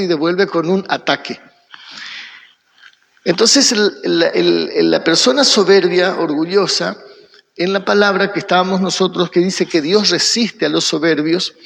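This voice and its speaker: A man's voice: high-pitched, vocal fry, fairly bright tone. A man with an Argentine accent teaching a church Bible study, who asks questions, answers them himself and keeps checking in with his listeners. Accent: Argentine Spanish. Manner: keeps checking in with the audience by asking "¿sí?". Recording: long echoing hall reverb.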